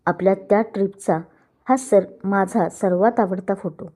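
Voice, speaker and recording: A woman's voice: medium pitch, fairly even intonation, measured pace, mellow, slightly rough. A woman voicing a young man who is a mocking, sarcastic rival in a storybook reading. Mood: taunting. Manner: sarcastic, taunting.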